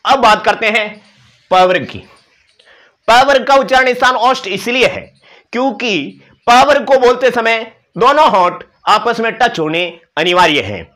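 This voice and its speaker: A man's voice: very high-pitched, animated, a little slow, pushed and bright. A male teacher giving an exam-prep lecture, explaining and demonstrating sounds with playful asides to his students. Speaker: Sanskrit teacher.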